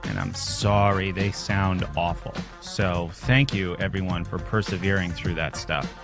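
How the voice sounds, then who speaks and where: A man's voice: low-pitched, steady tone, a little slow, gravelly, music in the background. A man hosting a podcast solo in a casual, conversational and self-deprecating way, speaking into a studio microphone. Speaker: podcast host. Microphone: studio microphone through a mixer.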